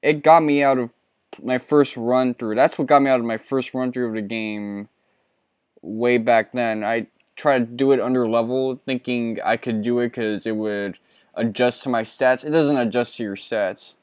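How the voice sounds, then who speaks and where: Male let's player, 30s, casual and self-mocking, crisp and close, no room sound. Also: medium pitch, steady tone, moderate pace, dry recording. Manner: laid-back, profane and self-mocking. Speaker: let's play host. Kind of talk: casual gameplay commentary.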